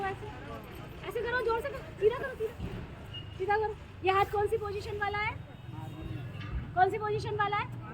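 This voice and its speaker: A woman spiritual teacher leading a class outdoors without a microphone, instructive, constantly quizzing the group and urging them to answer louder. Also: very high-pitched, highs cut off. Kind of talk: spiritual class with call-and-response. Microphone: no microphone, speaking unamplified. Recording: distant voice with loud outdoor noise.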